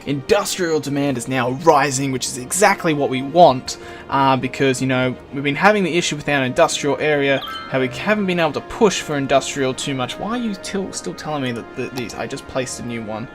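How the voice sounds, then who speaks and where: A man's voice: medium pitch, brisk, music in the background. A man hosting a gaming video, talking through his moves in a casual let's play commentary while he plays. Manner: relaxed, thinking aloud while building. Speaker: gaming channel host.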